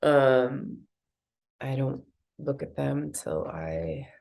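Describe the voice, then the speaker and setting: A woman's voice: a bass voice, lively intonation, very slow, gravelly, darkish tone. A woman with a nasal voice guiding viewers through a card reading in a casual, rambling way, full of fillers. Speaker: card reader. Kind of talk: guided intuitive card reading.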